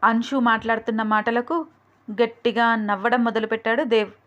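A woman storyteller narrating her own romance story in a steady, even way. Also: on the high side, normal speed, dull audio. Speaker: storyteller and writer.

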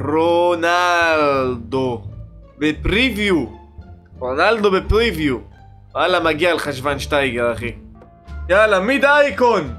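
A young man giving excited, slangy commentary while opening game packs, pleading for good cards and shouting at big pulls. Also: high-pitched. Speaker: gaming YouTuber. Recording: music playing underneath.

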